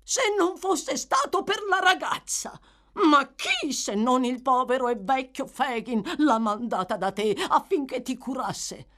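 A woman's voice: medium pitch, big pitch swings, slow. A woman voicing a sly old male crook who coaxes and fawns in a storybook reading. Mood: wheedling. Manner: fawning, coaxing with "my dear".

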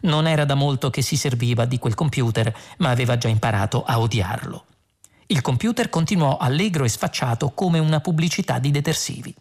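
A man narrating a comic science fiction audiobook in an even, dry storytelling manner. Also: mid-range voice, brisk. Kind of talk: audiobook reading.

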